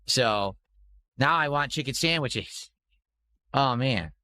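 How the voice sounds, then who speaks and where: Bright-voiced man rambling on livestream. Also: medium pitch, animated, slow pace. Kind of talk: casual livestream chat.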